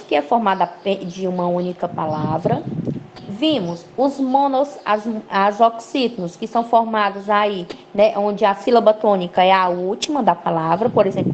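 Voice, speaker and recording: A woman teacher giving an online class, explaining step by step and checking in with frequent "ok?" as she goes. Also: mid-range voice. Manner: lively, rising emphasis on key words. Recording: slightly dull lo-fi audio with faint noise.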